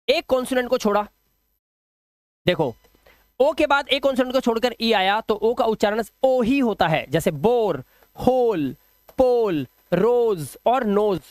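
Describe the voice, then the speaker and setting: A man teaching English pronunciation rules step by step. He stretches each example word out slowly, repeats it, and keeps checking that the listener follows. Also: high voice, no echo, studio quality. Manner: patient, step-by-step explaining with frequent checks.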